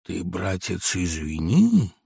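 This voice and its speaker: A man's voice: sits low, huge pitch swings, slow, vocal fry, warm tone, breathy edge, no echo, clean studio sound, voice pushed down, heavily acted. A man voicing a middle-aged army doctor, irritable but kind-hearted, with a voice that trembles when angered, as in an audiobook. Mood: restrained. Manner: blustering, trembling voice when angry. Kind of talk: audiobook reading.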